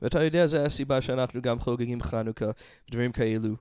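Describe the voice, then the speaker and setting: A man's voice: medium pitch, a little mellow, clear, resonant tone, no echo, studio quality. A man in his chats casually, searching for words and often repeating himself as he goes. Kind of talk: casual conversation.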